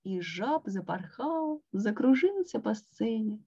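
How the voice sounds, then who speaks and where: A woman reading a picture book aloud to children with expressive, slow storytelling. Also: on the high side, breathy edge. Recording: dull lo-fi online call.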